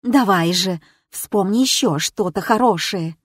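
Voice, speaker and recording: A woman's voice: medium pitch, unhurried, slightly rough, no echo, clean studio sound. A woman voicing an urgent, cheeky male helper spirit in an audiobook. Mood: pleading. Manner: urgent, pleading. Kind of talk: audiobook character voice.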